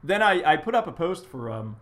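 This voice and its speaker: Man, co-host, easygoing chat, higher voice, faint hiss. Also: sing-song, brisk. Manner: easygoing, agreeable, laughs along. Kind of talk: casual live-stream chat. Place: studio.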